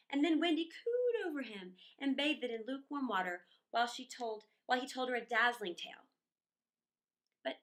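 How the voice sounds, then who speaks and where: A woman with a high voice reads a children's story aloud expressively and dramatically, adding musing asides and pauses.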